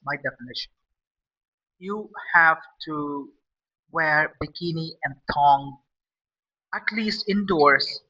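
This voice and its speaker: Pushed and bright with a breathy edge, this man's fairly high voice delivers a blunt, profane opinion rant full of repetition. He's a vlogger, captured in lo-fi audio from a little distance.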